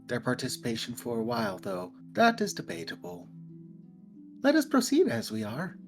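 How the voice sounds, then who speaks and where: A man playing a formal, overly literal character in a tabletop game, with stiff, measured phrasing. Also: mid-range voice, huge pitch swings, faint music behind. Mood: formally reassuring.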